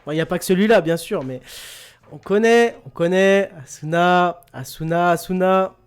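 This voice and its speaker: High-voiced quiz host joking along. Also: male voice, normal speed, smooth. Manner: joking, laughs often, repeats words. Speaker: host of an online quiz radio show. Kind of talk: casual quiz hosting, chatting with listeners.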